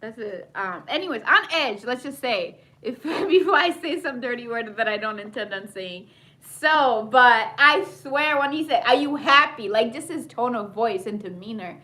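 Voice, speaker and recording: A woman with a high, bright voice chats through a TV recap, rambling and animated. She breaks into laughter often and drifts into asides. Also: moderate pace. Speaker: TV recap vlogger. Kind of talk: casual chatty recap.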